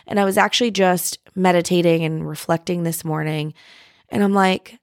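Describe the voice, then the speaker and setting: A woman's voice: mid-range voice, dry recording, clean studio sound. A woman in her thirties hosting a casual solo podcast, chatty and reflective, with plenty of "like" and "um" and the odd swear word. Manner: chatty, reflective, heavy use of "like" and "um"; candid, with occasional swearing. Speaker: podcast host.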